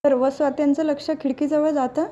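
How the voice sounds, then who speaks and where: A woman retelling a television serial episode in a steady storytelling way, reading out the characters' lines. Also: sits high, brisk. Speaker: serial recap narrator. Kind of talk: storytelling recap.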